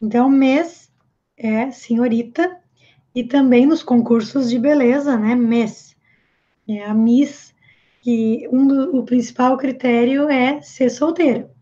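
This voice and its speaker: A Brazilian woman with a Brazilian Portuguese accent gives a patient, step-by-step English lesson. Her voice is high and mellow, and she speaks slowly. The audio is a little dull and lo-fi. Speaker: English teacher. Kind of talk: explanatory language lesson.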